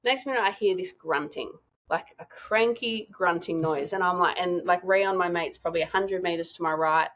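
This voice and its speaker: A woman guest telling a lively hunting story in a casual, chatty way. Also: on the low side, moderate pace. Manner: chatty, animated, lots of "like" and laughter.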